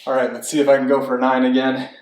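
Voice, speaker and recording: A man's voice: medium pitch, completely flat delivery, fast, a little mellow, a little hiss or hum. A man talking casually between sets of a home workout, out of breath and candid. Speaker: fitness vlogger. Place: apartment home gym. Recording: roomy echo, from far off.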